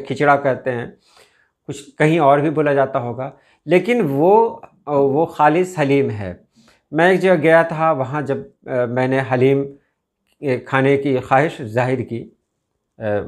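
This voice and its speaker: A man from India giving an unscripted explanatory talk as a video host, speaking in a measured way with frequent "uh" pauses. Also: a little high.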